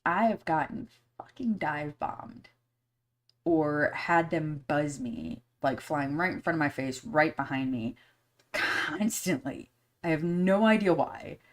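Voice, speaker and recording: A woman with a low, deep-set voice talks casually on her podcast live stream. She is candid and blunt, swears freely, and rambles with many fillers between her thoughts. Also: animated, takes it slowly. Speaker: podcast host.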